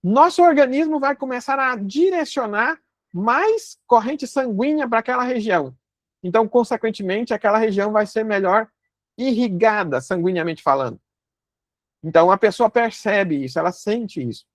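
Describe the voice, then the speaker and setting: A woman giving a calm spoken lesson, explaining step by step with frequent fillers and restarts. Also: fairly high pitch, moderate pace, no echo. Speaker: instructor.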